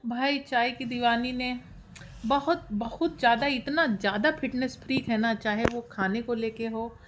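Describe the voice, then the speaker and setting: A woman's voice: a little high, steady tone, a little slow, a little hiss or hum. A woman, running a teasing, sarcastic gossip commentary as a reaction vlogger.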